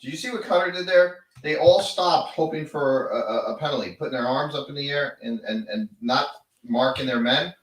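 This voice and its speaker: A man's voice: mid-range voice, normal speed, few pauses, distant mic. Middle-aged man, dry remarks, off-mic. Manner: dry, matter-of-fact remarks, chides his co-host. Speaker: co-commentating father. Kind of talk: casual live match commentary. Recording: roomy sound from away from the mic.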